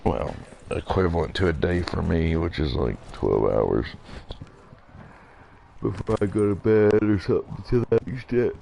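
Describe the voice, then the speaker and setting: A man in his thirties talks through a live game stream with a deep, low voice. His chat is loose and rambling, drifting between the game and stories for his viewers. A clear layer of background noise sits under the recording. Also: very animated, unhurried, dark tone. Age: 30s. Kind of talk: casual live gameplay commentary.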